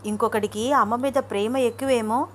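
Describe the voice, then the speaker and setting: A woman's voice: fairly even intonation, normal speed, slight background noise, natural voice. A woman voicing a young pregnant wife who is affectionate and anxious, in a pleading, raised voice. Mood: excited. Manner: pleading, breathless, high and loud.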